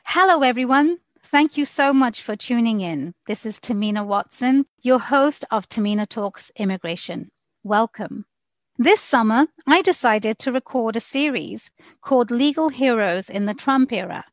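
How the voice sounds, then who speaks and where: A woman's voice: fairly high pitch, animated, moderate pace, no room sound. A woman, an immigration attorney, hosting and interviewing on her podcast in an upbeat, welcoming way.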